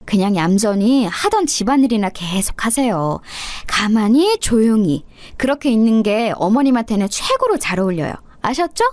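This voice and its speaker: A woman's voice: on the high side, very animated, normal speed, darkish tone, dry recording. A woman voicing an insolent young daughter-in-law who needles her mother-in-law with smug, sarcastic politeness. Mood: mocking.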